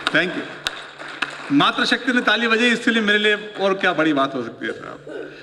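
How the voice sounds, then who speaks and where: A man's voice: high-pitched, animated, normal speed, noisy background. A middle-aged man performing humorous poetry and storytelling for a live audience, joking with them as he goes. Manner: storytelling, playful, audience banter. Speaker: stand-up poet. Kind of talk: humorous Hindi poetry recital. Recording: long hall reverb.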